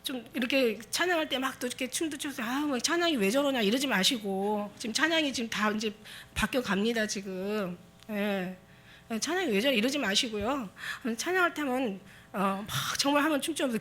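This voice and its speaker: A woman's voice: a little high, expressive, a little fast, fairly bright tone. A woman pastor preaching a Sunday sermon, impassioned and exhorting her congregation with emphatic repetition.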